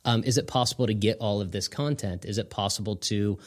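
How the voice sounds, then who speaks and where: Low-voiced man bantering on a podcast. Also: fairly quick. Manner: playful, teasing, jokey asides. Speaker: podcast co-host.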